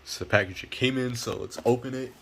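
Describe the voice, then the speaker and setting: In a casual hobby video, an American man unboxes and sets up his gear, talking informally and now and then cursing. He speaks briskly in a creaky, mid-range voice over slight background noise.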